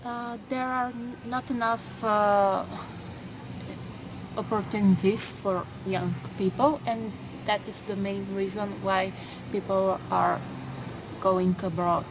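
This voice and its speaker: A woman of twenty-two, a student answering interview questions slowly, pausing often on fillers. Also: medium pitch, little pitch movement. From Bulgaria. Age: 20s. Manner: hesitant, many pauses and fillers. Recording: noisy background.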